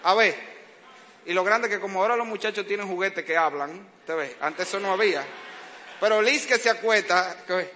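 A man's voice: high voice, normal speed, pushed and bright. A man preaching a sermon, telling humorous stories about fatherhood and acting out the sounds and cries he describes. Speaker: preacher, father of young children. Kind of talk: sermon with humorous family anecdotes. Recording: long hall reverb, faint background noise.

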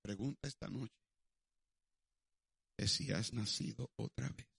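A man's voice: medium pitch, unhurried, creaky, fairly bright tone, slightly rough, no echo, studio quality. A male preacher who delivers an evangelistic sermon dramatically and moves into prayer.

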